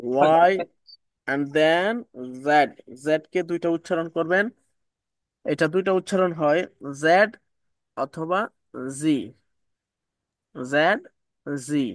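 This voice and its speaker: A man's voice: fairly high pitch, smooth, dry recording. A man teaching English pronunciation in an online class, patiently repeating each sound with small fillers. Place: online video call class.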